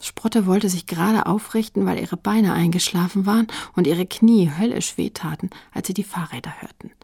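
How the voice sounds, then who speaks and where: A woman's voice: lowish voice, moderate pace, vocal fry, warm tone, slightly rough, no room sound, clean studio sound. A woman reading a children's book aloud with suspense, often dropping to a whisper. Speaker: audiobook narrator.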